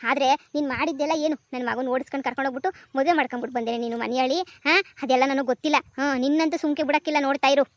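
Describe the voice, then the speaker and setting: A woman voicing a bossy, scheming middle-aged village mother in a cartoon comedy, with a rapid, scolding delivery. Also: high voice, no room sound, lightly acted. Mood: mocking.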